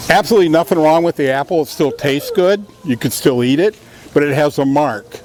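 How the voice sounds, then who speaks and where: A man's voice: a little high, animated, a little fast, darkish tone, slight background noise, low-quality recording. A man in his sixties giving a playful tour talk to children in a warehouse, asking questions and joking as he goes. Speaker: orchard tour guide. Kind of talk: educational field-trip tour talk to children. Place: large indoor orchard packing warehouse. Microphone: camera a few feet away. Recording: busy warehouse with group chatter.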